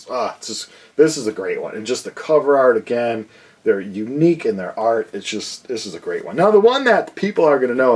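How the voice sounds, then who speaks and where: A man's voice: fairly low pitch, a little mellow. Man, 50s, easygoing rock-fan reviewer, meandering delivery, frequent ums and uhs. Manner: rambling, filler-heavy, enthusiastic fan talk. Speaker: music reviewer. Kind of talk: casual record review.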